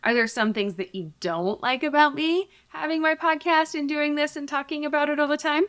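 A woman in her thirties hosting a podcast, talking in a chatty, upbeat way with direct appeals to listeners and a relaxed chat with her child. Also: high voice, a little fast, no echo. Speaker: podcast host.

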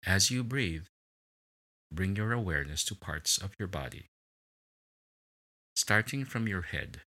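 A man leading a guided relaxation meditation in a slow, soothing way, with long pauses between words. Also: low-pitched, expressive, bright, forceful tone.

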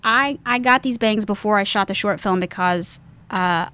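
Female guest, casual chat, quick and bubbly, mid-pitched. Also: sharp tone, clear, resonant tone. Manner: chatty, quick, laughs easily.

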